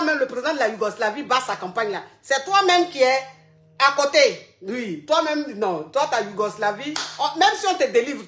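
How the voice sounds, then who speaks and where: Bright high-voiced woman hosting call-ins. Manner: direct, affectionate, calls listeners darling. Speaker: advice show host. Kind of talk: live call-in advice chat.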